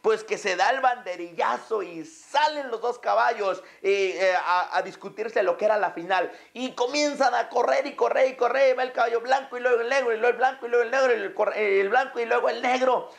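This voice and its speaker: High gravelly man telling a story. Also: a little fast, hardly any pauses. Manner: addresses listeners directly, many hesitant fillers. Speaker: motivational business speaker. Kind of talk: storytelling parable to an audience.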